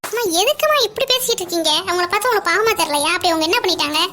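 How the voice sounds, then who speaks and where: A woman's voice: extremely high pitch, animated, very fast, noisy background. A woman voicing an earnest young college girl in a cartoon, pleading.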